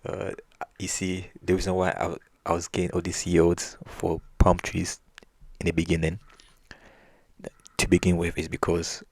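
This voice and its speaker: Folk-tale husband, hesitant, man reading, deep and husky. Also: completely flat delivery, unhurried, no echo, clean studio sound, heavily acted. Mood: sheepish. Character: sheepish village husband.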